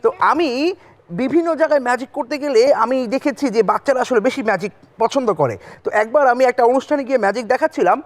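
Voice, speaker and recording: A man's voice: very high-pitched, animated, quick pace. A man hosting a children's magic show, telling stories and prompting the kids with short questions. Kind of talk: interactive children's stage patter with storytelling. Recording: music playing behind the voice.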